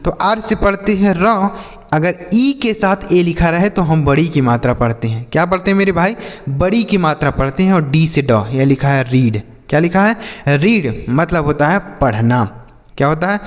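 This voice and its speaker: A man teaches like he is in front of a class, calling his students kids and brother. His voice sits high for a man. The sound rings with a long reverb. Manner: explains step by step, repeats his own questions and answers them. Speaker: English teacher. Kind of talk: classroom-style phonics lesson.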